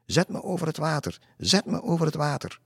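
A man voicing a female water spirit with a shrill, thin voice, calling out eerily in a storybook reading. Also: big pitch swings, a little fast, gravelly, slightly rough, no echo, clean studio sound, heavily acted. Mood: eerie. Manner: wailing, repetitive calls.

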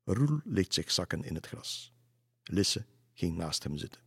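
Deep husky storyteller. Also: male voice, fairly even intonation, a little slow, fairly bright tone, dry recording, clean studio sound. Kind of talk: storybook narration.

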